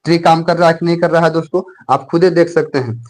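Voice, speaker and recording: A man's voice: a little high, fairly even intonation, quick pace, a little mellow. A man teaching Hindi grammar in an exam-prep lesson. He repeats each point, quizzes the viewers, draws out letter sounds in drills and keeps calling them his friends. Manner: repetitive, quizzes viewers, frequent filler phrases and "my friend".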